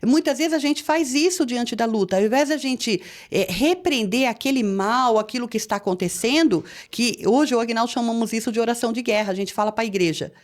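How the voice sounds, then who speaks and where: A woman's voice: fairly high pitch, brisk, few pauses. A woman pastor with a Brazilian Portuguese accent tells a personal testimony with earnest feeling, her voice rising when she relives the tense moments.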